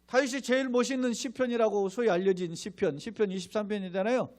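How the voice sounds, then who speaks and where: A man's voice: sits high, quick pace, a little mellow. A middle-aged man, a pastor, preaching a sermon with emphatic delivery and rhetorical questions to the congregation, sometimes acting out mocking voices. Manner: acts out mocking crowd voices in asides.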